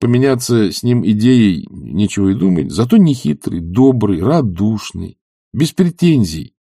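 A man voicing an idle, sighing gentleman who whines and dodges in a reluctant, drawn-out way. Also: on the low side, sing-song, vocal fry, dry recording, studio quality, heavily acted. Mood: dreamy. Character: lazy, sighing gentleman, plaintive and evasive.

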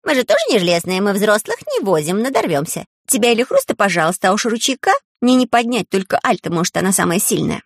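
A woman voicing a proud, blunt young female bird who answers flatly in a storybook reading. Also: mid-range voice, quick pace, few pauses, slightly rough, no room sound, pitched above the performer's own voice. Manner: blunt, categorical.

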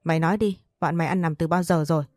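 A woman's voice: on the low side, steady tone, rapid-fire, darkish tone, no room sound, clean studio sound, close to an everyday voice. A woman reading a furious stern old master. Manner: harsh, commanding, interrogating. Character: enraged stern older male household master.

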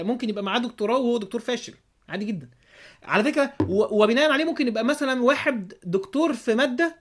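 A man's voice: sits high, fairly bright tone. A man with an Egyptian Arabic accent hosting a podcast, giving a religious commentary monologue full of sarcastic rhetorical questions. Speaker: podcast host.

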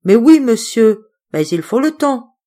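A woman reading an audiobook, voicing a gentle, timid young woman who speaks softly and innocently. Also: a little high, sing-song, unhurried, voice pushed up. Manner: soft and innocent.

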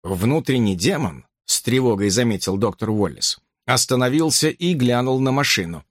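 A man narrating a horror audiobook with an expressive, dramatic reading. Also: mid-range voice, normal speed, dry recording, studio quality.

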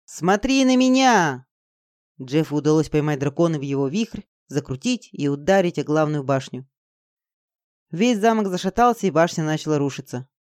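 A reader narrating a fantasy audiobook in an even, dramatic storytelling manner. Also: mid-range voice, brisk, dry recording, studio quality.

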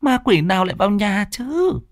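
A man voicing a fretful village mother, high and wailing. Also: very animated, brisk, no room sound, studio quality. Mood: alarmed. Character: scolding female peasant mother, anxious and tearful.

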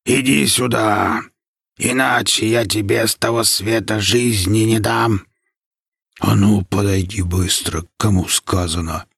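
Man doing a croaking, possessed old hag. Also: slow pace, a bit bright, no room sound, studio quality, heavily acted. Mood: menacing. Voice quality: croaking bass voice. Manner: threatening, commanding. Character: possessed old woman, menacing and hateful.

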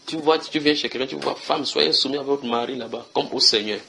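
A man's voice: medium pitch, a little fast, vocal fry, pushed and bright, slight background noise. A man preaching at a house church, reading Bible verses and questioning his listeners in a conversational way.

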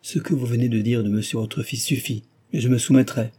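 A man reading aloud and voicing an anguished young woman who speaks in emotional, halting, yielding replies. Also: mid-range voice, steady tone, mellow, slightly rough. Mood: distressed.

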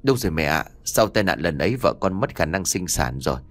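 A man voicing a young husband in an audio story, calm and reassuring. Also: low voice, brisk, voice pushed down. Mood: soothing. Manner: gentle, reassuring.

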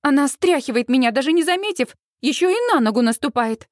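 A woman reading a first-person audiobook with lively, expressive narration. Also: high-pitched, quick pace, no room sound, studio quality.

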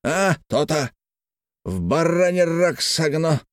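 Мужчина озвучивает хвастливого, пьяного, громкого купца-капитана в аудиокниге. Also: male voice, fairly high pitch, very animated, takes it slowly, no room sound, clean studio sound, pitched above the performer's own voice. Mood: triumphant shouting. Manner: shouting, bragging, speaks of himself in third person. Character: boisterous drunken male merchant captain, boastful.

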